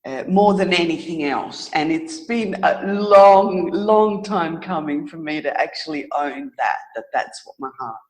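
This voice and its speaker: An author being interviewed, this woman answers in a reflective, casual way, earnest and halting, pausing thoughtfully and correcting herself. Her voice is deep, animated and darkish in tone, and the recording is rough.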